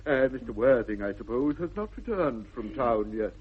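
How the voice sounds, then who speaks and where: A man's voice: medium pitch, vocal fry, a little hiss or hum, heavily acted. Doctor Chasuble, swooping courtly English clergyman. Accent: upper-class English. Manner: hesitant, unctuous, ornate. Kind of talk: 1960s radio comedy-of-manners acting. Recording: narrow, muffled old radio broadcast.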